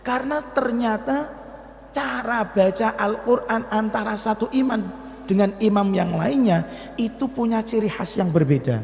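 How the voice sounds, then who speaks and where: A man with a Central Javanese accent giving a lively Ramadan study lecture as an Islamic teacher, asking his listeners questions and slipping into Javanese. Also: sits high, creaky. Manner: lively, asks the audience questions, switches into Javanese. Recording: echoey hall with long reverb.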